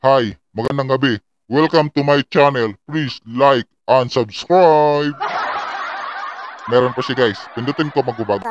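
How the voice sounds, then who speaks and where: Deep pitch-shifted voice changer guy, a man demoing it, cheery greetings, muffled noisy audio. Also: measured pace. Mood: cheerful. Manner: chirpy greetings to viewers. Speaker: vlogger. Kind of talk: demoing a sound card voice effect. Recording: dull lo-fi with clear noise.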